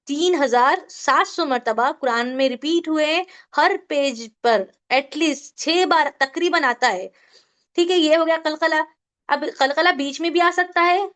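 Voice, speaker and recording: A woman teaching an online Tajweed class, drilling letter sounds slowly and quizzing her students. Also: high voice, a bit bright. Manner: asks the class questions and answers them.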